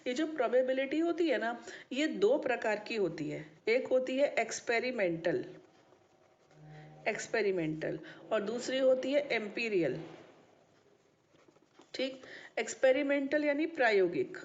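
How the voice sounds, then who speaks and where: A woman's voice: on the high side, expressive, measured pace, pauses often. A woman teaching a maths lesson to students, often checking that they have understood. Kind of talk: classroom lecture. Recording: dull lo-fi recording.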